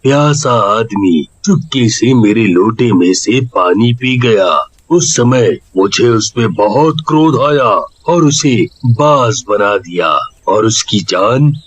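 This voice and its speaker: A man playing a stern old tantric sage in a cartoon story, commanding and slow. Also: lowish voice, slightly rough, heavily acted, low-quality recording.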